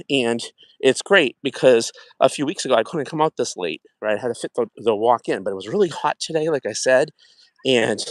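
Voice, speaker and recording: This is a middle-aged man's casual wellness livestream: he talks as he walks a track outside at night, chatty and reflective, greeting viewers warmly by name. His voice is mid-range and there's no room sound.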